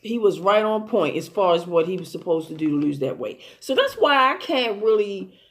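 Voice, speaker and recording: A woman talks through a TV episode in a loose, rambling way, full of "um"s, "you know"s and restarts. She is blunt and openly amused, and she swears freely. Her voice sits at an ordinary pitch. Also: sing-song, normal speed. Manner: rambling and profane, with many fillers and restarts. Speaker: TV show commentator. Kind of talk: casual recap commentary.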